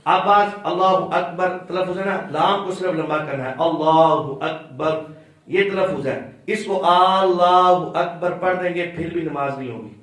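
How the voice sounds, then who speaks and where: A man's voice: sits high, fairly bright tone. Man teaching in an echoey hall. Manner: explanatory, quizzes the class, chants drawn-out demonstrations. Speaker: religious teacher. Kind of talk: classroom instruction on prayer. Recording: very echoey room, distant mic.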